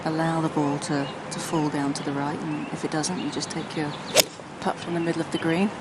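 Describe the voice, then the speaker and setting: A British woman delivers live golf commentary in a slightly low voice. She is measured and analytical as she reads each shot, over heavy outdoor background noise. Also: flat delivery. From United Kingdom.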